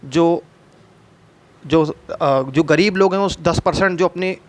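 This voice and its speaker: A man's voice: fairly high pitch, slow. Man teaching history, asking himself questions. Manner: conversational, asks and answers his own questions; mixes in English terms, many restarts. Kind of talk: explaining a history lesson.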